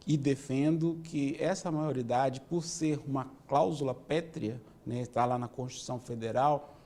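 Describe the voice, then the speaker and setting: A police chief from Minas Gerais, Brazil, a man in his fifties, answers interview questions as a guest. His voice is mellow, medium in pitch and steady, and he explains things in a measured way, tagging many sentences with "né."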